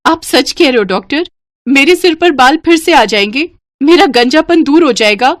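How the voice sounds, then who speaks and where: A woman's voice: sits high, expressive, normal speed, no room sound, clean studio sound, pitched above the performer's own voice. A woman voicing a young woman in a cartoon story who asks hopeful, pleading questions. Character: hopeful balding older sister, young woman.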